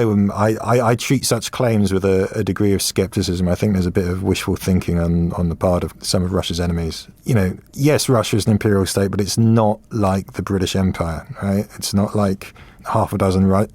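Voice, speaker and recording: A man speaking as a guest commentator on a podcast, measured and analytical with some restarts. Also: low voice, a little mellow, dry recording. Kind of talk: podcast discussion.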